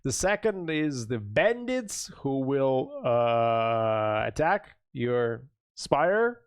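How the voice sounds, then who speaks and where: Lively-voiced sleepy man explaining a game. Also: mid-range voice, very slow, clean tone. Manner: explains game mechanics step by step, joking asides. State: sleep-deprived. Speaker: game developer. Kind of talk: casual livestream walkthrough.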